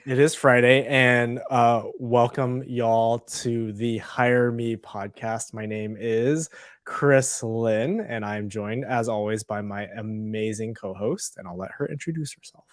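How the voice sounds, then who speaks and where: A man co-hosting a casual live podcast, chatty and relaxed with lots of fillers. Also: mid-range voice, slow, no room sound, clean studio sound. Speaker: podcast co-host.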